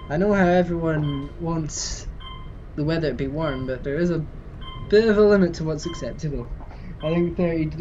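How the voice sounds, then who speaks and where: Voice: mid-range voice, warm tone, highs cut off, slight background noise. A live streamer giving casual commentary while playing a game, thinking aloud and answering chat.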